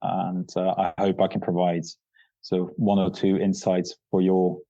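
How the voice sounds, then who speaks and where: A man's voice: sits low, completely flat delivery, normal speed, mellow, no echo. A middle-aged man born in Croatia and raised in Austria, an academic guest answering interview questions hesitantly with many fillers. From born in Croatia, raised near Vienna, Austria. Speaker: academic researcher, podcast guest. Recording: dull, dry lo-fi remote line.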